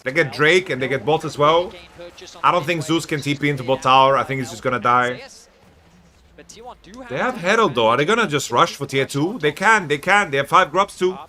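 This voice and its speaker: A hoarse man costreaming an esports final, reacting quickly and repeating himself as he talks to his chat. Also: on the high side, animated, sharp tone. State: hoarse from shouting. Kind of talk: excited live esports co-commentary.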